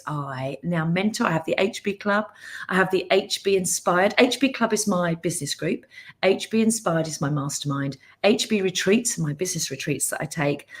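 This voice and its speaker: A middle-aged business mentor hosts her weekly live stream, chatting casually in an upbeat way and frequently interrupting herself with asides. Her voice is on the low side with a fairly bright tone.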